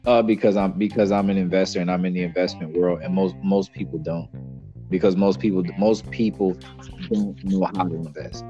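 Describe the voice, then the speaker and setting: A man's voice: deep voice, fairly even intonation, normal speed, dark tone, soft background music. A man co-hosting a casual podcast debate, talking emphatically through a muffled bluetooth headset mic that makes him sound underwater. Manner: emphatic, preachy, repeats himself. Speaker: podcast co-host.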